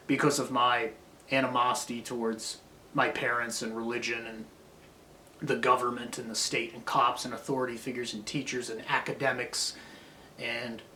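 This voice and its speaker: A man's voice: medium pitch, fairly bright tone, a little hiss or hum. A man delivering a rambling, profane, self-critical monologue, drifting between grudges and philosophy. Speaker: vlogger. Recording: roomy echo.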